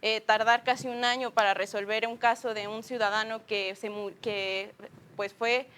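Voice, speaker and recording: A woman's voice: a little high, fairly even intonation, moderate pace, a bit bright, a little hiss or hum. A woman with a Mexican accent speaking as a guest on a TV panel, earnest and thorough, with many fillers. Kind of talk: panel discussion.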